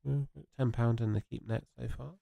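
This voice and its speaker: A young man streaming a game from England keeps up a rambling, chatty conversation with his viewers, replying to them in a congested, sniffly voice. His pitch is medium and his intonation fairly even; the delivery is moderately paced, creaky and mellow, with no room sound.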